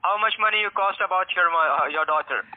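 High-voiced man cursing over a phone line. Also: quick pace, a little hiss or hum. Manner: abusive, profane, broken English. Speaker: phone scammer.

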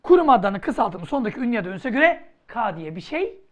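A woman teaching a grammar lesson for exam preparation, theatrical, with mock scolding and sudden shouts. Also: fairly high pitch, very animated, a little fast, dull audio.

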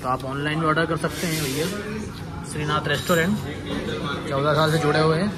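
A man's voice: fairly high pitch, steady tone, brisk, over a noisy crowd. A young man vlogging in a restaurant, chatting to viewers and reading out menu items and prices. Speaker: food vlogger. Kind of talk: casual food vlog. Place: busy indoor restaurant and street outside.

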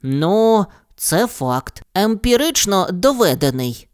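A woman's voice: mid-range voice, very animated, slow pace, clear, resonant tone, no room sound, studio quality, pitched above the performer's own voice. A woman voicing a nerdy young boy physicist in a storybook reading, nervous and stammering, talking in an over-precise way. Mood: flustered.

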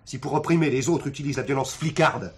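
An actor playing a mocking, defiant militant. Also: male voice, mid-range voice, quick pace, breathy edge, close to an everyday voice. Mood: preachy. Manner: mocking, clowning, preachy. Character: mocking militant man under arrest, defiant. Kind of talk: 1970s TV drama acting.

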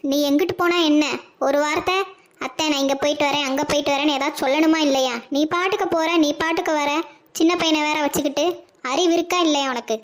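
Old village grandma, scolding and bossy; a woman voices her high. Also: steady tone, quick pace, natural voice. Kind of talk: cartoon voice acting.

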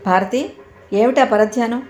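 A woman's voice: fairly high pitch, a little slow, a little mellow, lightly acted. A woman voicing a young man, an affectionate and playful husband, in a storybook reading. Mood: tender. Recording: echoey room, faint background noise.

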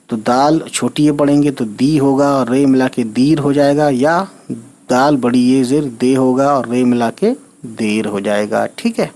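Slow, patient man spelling out script. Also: mid-range voice, darkish tone. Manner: spells letters and vowel marks slowly, often checking with "theek hai". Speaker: Urdu teacher. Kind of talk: slow spelled-out reading lesson.

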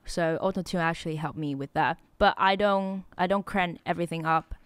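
With fairly even intonation and a slightly fast pace, the young woman's low voice sounds clear and resonant, without echo. Hosting a casual tutorial stream as a music producer, she chats and laughs at herself, speaking into a close boom-arm mic in her neon-lit home studio as faint music plays.

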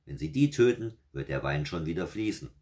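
A man reading aloud and voicing the devil in a fairy tale, a gruff, short-tempered male with a slow, mocking drawl. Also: low-pitched, big pitch swings, darkish tone.

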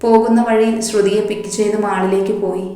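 A woman narrating a romance story in a steady, even manner. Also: medium pitch, brisk. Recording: very echoey room.

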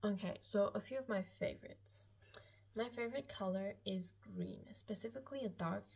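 In this clip the 17-year-old girl's medium-pitched voice comes across creaky, darkish and a little rough, at a moderate pace. A German-speaking vlogger from Austria, she chats to camera in a personal Q&A from a small lived-in room at home, hesitant, rambling and self-conscious throughout.

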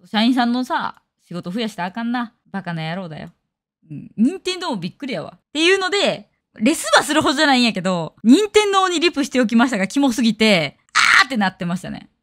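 A fast-talking woman in her thirties with a Kansai accent, ranting bluntly and scornfully in casual stream chat. Her pitch leaps about in lively swings as she talks through a desk microphone. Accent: Kansai Japanese. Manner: blunt, scornful, animated rants.

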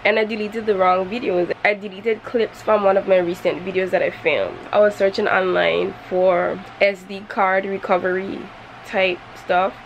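A young woman vlogging casually from her car, with a low, nasal morning voice and a chatty, candid manner. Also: steady tone, normal speed, lo-fi sound, a little hiss or hum. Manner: chatty, candid, laughs easily. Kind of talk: casual vlog chat.

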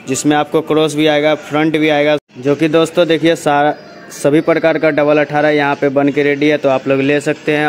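A young man talks into a phone held at arm's length as he walks through a large warehouse. His delivery is steady and salesman-like, and his voice stays almost completely flat, with very little rise or fall. A faint hum of background noise sits under his speech. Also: a little high. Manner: steady salesman-like patter, repeats "dekhiye" and "dosto". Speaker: vlogger showing a speaker cabinet factory. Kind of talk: casual vlog walkthrough. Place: large warehouse, partly outdoors.

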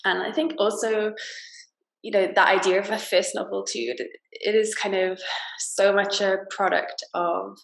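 A woman, a guest novelist talking casually about her book on a video call, slightly croaky from a cold, with lots of fillers and restarts. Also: medium pitch, little pitch movement, measured pace. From Wales. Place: small plain room indoors. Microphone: laptop video call. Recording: roomy video call audio.

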